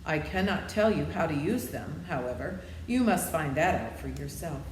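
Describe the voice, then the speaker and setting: A woman's voice: low-pitched, expressive, slight background noise. Woman reading as an old humbug wizard, echoey. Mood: kindly, meek. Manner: meek, explanatory, measured. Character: old humbug wizard, apologetic yet kindly.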